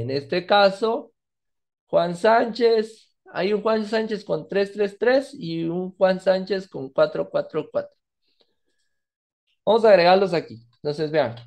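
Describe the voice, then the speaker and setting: A man's voice: sits high, lively intonation, measured pace, darkish tone. A man teaching a database lesson over a screen recording, walking through each step and often checking in with "¿verdad?". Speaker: database instructor. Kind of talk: screen-recorded coding tutorial.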